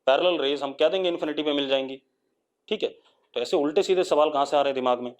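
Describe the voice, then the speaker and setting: A man with an Indian accent teaching a live online physics class, coaxing students with repeated questions and dictating definitions slowly. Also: a little high, lo-fi sound.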